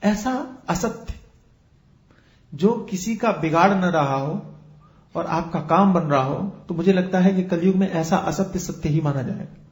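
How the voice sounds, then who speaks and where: High-voiced man giving a spiritual discourse. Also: normal speed, reverberant. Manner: explains with everyday examples and rhetorical questions. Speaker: spiritual teacher.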